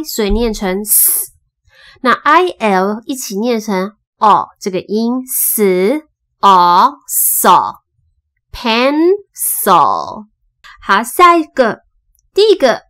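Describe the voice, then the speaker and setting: A woman teaching English phonics, patiently spelling out sounds and repeating each word slowly. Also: on the high side, expressive, fairly bright tone. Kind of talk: slow spoken phonics lesson.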